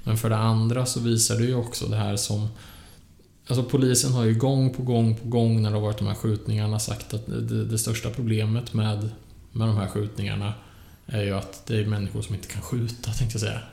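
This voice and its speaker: A man's voice: on the low side, little pitch movement, gravelly, dark tone. A man co-hosting a casual true-crime podcast, hesitant with many fillers and restarts. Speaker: podcast co-host. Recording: echoey room.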